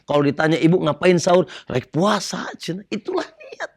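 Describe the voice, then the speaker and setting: A middle-aged man giving a religious lecture, animated, quizzing his audience and acting out little dialogues. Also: on the high side, fairly quick. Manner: animated, asks the audience questions and acts out dialogues. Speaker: Islamic preacher.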